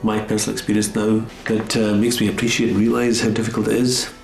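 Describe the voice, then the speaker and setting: A man's voice: fairly low pitch, level tone, fast talker, vocal fry, reverberant, faint music behind, rough recording. A middle-aged Scottish man talking plainly and earnestly about his time away from home. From Scotland. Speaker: undercover newcomer looking for work. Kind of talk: casual chat and reflective talk.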